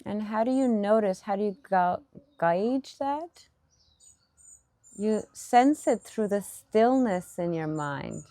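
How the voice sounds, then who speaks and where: A woman teaching meditation gives gentle guidance, pausing between short, unhurried phrases. Her mid-range voice is expressive, and there is no echo.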